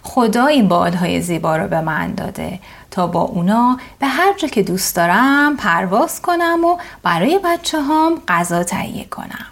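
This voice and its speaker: A woman voicing a friendly mother sparrow in a children's bedtime story, in a bright sing-song storybook voice. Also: medium pitch, expressive, gravelly, hardly any pauses.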